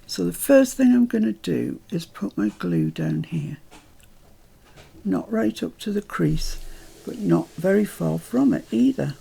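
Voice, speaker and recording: Slow gravelly British woman crafting. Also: lowish voice, animated, dark tone. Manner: chatty, rambling asides while working. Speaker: craft tutor. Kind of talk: chatty crafting tutorial.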